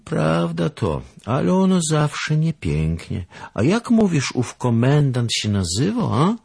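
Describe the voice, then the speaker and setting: A man doing a gentle, reproachful old-time knight. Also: on the high side, very animated, slow, creaky, slightly rough, pitched above the performer's own voice, full character voice. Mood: mild.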